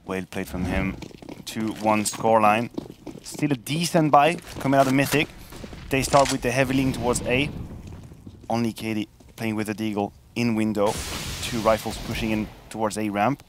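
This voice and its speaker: A man's voice: on the low side, fairly even intonation, moderate pace. A man working as an esports caster, giving live commentary on a video game match. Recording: gunfire and game noise behind voice. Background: video game gunfire and clicks.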